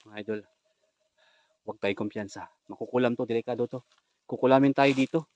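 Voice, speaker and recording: Tense hushed man hunting ghosts. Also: mid-range voice, steady tone, a little fast, highs cut off. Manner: hushed, tense narration to viewers, sometimes shouting at something unseen. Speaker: ghost hunter vlogger. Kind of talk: night ghost-hunting vlog commentary.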